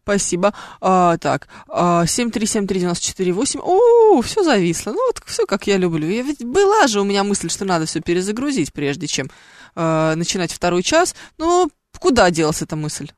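A woman's voice: fairly low pitch, very animated, brisk, dry recording. Brief: woman radio host, chatty and playful, dry close studio mic. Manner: chatty, playful, thinks aloud with fillers. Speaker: radio traffic show host. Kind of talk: live call-in radio chat. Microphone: studio microphone.

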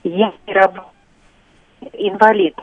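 A man with a fairly high voice calls in to a radio show, and his words come through a dull, choppy phone line that crackles and cuts in and out. He speaks haltingly, restarting as he tries to make himself heard. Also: steady tone, breathy edge, no echo. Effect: breaking-up phone connection, cutting in and out. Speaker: caller. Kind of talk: call-in question to a radio show.

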